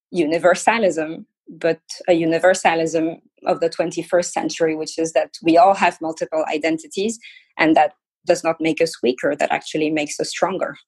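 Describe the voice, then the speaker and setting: Woman from France, panel guest; somewhat low, husky voice; earnest and measured. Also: low-quality recording. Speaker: think tank office head. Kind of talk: panel discussion.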